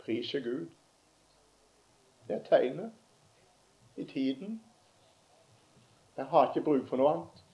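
An older man preaching a sermon, rising to loud emotional peaks and then dropping into soft, slow prayer. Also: mid-range voice, lively intonation, muffled recording. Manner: builds to loud emotional climaxes, then prays softly.

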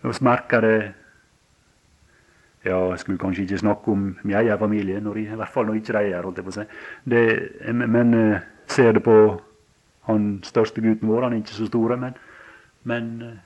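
A man preaching a sermon with a somewhat low voice. He speaks haltingly, restarting and repeating words, then lifts his voice in emphatic runs. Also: fairly even intonation, darkish tone.

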